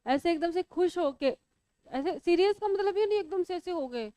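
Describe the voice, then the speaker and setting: Woman, biology teacher, high voice, dry close sound, teasing, quizzing students. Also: expressive, normal speed, mellow, no echo. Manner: teasing, scolding, asks students questions. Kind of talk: classroom lecture.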